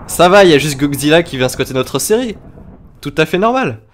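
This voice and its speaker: A young man giving playful let's play commentary on a game, often breaking into high, panicked shouts. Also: animated, fairly quick, slight background noise. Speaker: gaming video host.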